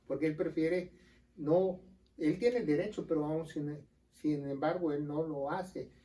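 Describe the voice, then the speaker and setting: A man with a Mexican accent, a pastor, teaches scripture earnestly in relaxed conversation. His voice sits a little high but sounds mellow and dark in tone. He is recorded from a bit off the mic. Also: recorded from a distance, rough recording. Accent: Mexican Spanish. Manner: earnest, explains scripture, quick aside jokes. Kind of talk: casual teaching chat on a religious show.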